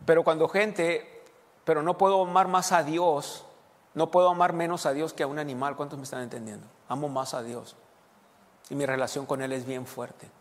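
A middle-aged male pastor preaches a sermon in a fairly high voice. He turns to the congregation with questions and breaks off to restart his sentences. The long reverb of a church hall carries his words. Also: steady tone, moderate pace.

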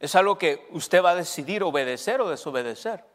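A pastor teaching a sermon to his congregation, halting and repeating words, often checking whether they follow. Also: high-pitched, expressive. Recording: long hall reverb.

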